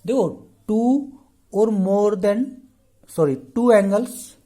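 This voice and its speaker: A man with a mellow, warm tone teaches a math class. He switches freely between Hindi and English terms, poses questions to the class and answers them himself, and keeps checking in with the students. He slows to a drawn-out pace while writing on the board. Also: high-pitched. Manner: keeps checking in with the class by saying "okay" again and again. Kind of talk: explaining a lesson.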